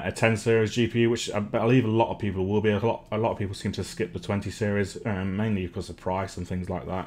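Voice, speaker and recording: A man doing a casual benchmark review as a tech channel host, hesitant and full of ums and restarts. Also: low voice.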